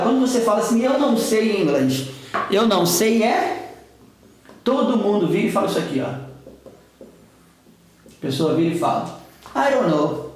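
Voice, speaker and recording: A Brazilian Portuguese-speaking man teaching an English pronunciation lesson, patiently repeating example words. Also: high-pitched. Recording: very echoey room.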